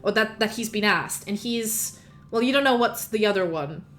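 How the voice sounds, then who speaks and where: A woman's voice: mid-range voice, expressive, moderate pace, fairly bright tone, faint music behind. A woman narrating as game master, rambling through lore with lots of fillers.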